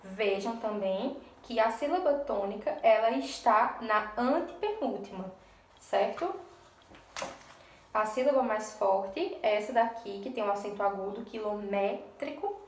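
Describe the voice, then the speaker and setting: A woman's voice: mid-range voice, a little slow, roomy sound, far from the mic. A woman teaching a lesson to young children in a recorded remote class, patient and step by step, often checking in with the class. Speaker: primary school teacher.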